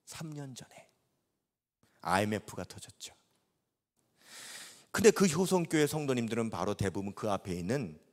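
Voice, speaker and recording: A middle-aged man preaching a sermon at a revival meeting, telling a story dramatically and acting out the dialogue. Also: lowish voice. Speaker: pastor. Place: church sanctuary. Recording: long reverb in a large church hall.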